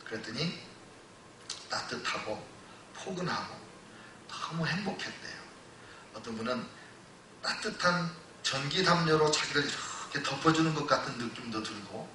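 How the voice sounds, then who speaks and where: A male pastor preaching a sermon, telling stories that move between loud exclamations and hushed retelling. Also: on the high side, background noise. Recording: echoey church hall, voice from a distance.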